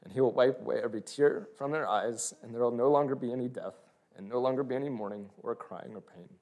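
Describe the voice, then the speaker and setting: A man's voice: mid-range voice, fast, darkish tone. A man reading a prepared religious testimony aloud, including scripture. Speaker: speaker sharing testimony.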